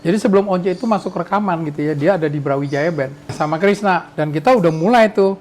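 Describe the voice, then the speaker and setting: Man in his sixties, high voice, rambling. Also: fast talker, a little mellow. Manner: rambling, reminiscing with restarts. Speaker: podcast host. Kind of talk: casual chat.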